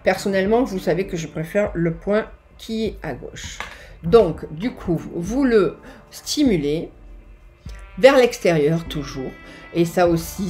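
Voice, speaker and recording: A woman with a lower-pitched voice teaches a tapping routine, walking through each step patiently as she taps the points herself. Soft music plays faintly in the background. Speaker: EFT practitioner. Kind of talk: instructional explanation.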